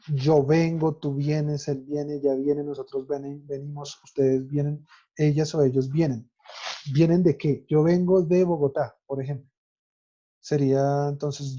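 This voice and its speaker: A man's voice: a little high, mellow, muffled recording. A man, teaching French grammar in an online lesson and spelling out verb endings letter by letter.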